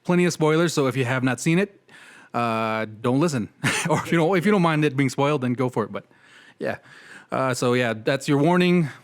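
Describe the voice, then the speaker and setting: A young man hosts a casual movie review podcast at an easy, relaxed pace. His voice is mid-pitched and ordinary, and his talk is loose and self-deprecating, full of fillers and quick laughs. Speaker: podcast host.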